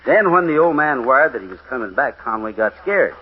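A man's voice: medium pitch, very animated, a little fast, a little hiss or hum. A man narrating and hosting a 1950s radio western in an easygoing, folksy way, on a dull lo-fi old radio recording. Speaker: radio show host and singing cowboy narrator.

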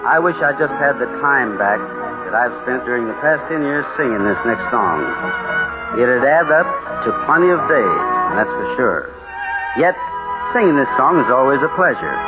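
A man narrating and hosting a 1950s radio western in an easygoing, folksy way, on a dull lo-fi old radio recording. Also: mid-range voice. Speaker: radio show host and singing cowboy narrator.

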